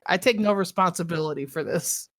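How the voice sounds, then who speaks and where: A woman acting as game master, calling out rolls and results in a brisk, matter-of-fact way. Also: lowish voice, no echo, clean studio sound. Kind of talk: narrating a tabletop game.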